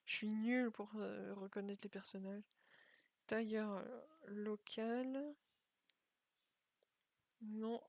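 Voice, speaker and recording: A woman's voice: medium pitch, steady tone, slow, long pauses, a little mellow, no room sound. Young woman, casual gameplay commentary, chatty and self-mocking, dry close sound. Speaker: gaming video creator.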